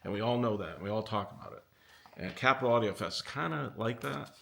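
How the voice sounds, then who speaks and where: A middle-aged man hosting a casual commentary video, talking with animated exasperation that pushes his pitch up. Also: fast talker, creaky, a little hiss or hum. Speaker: audio company owner and video host.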